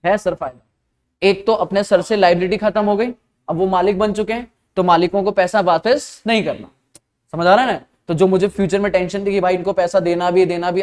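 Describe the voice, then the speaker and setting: A male accounting lecturer with an Indian accent, teaching casually and quizzing his students. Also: sits high. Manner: conversational, asks students questions. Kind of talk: classroom lecture.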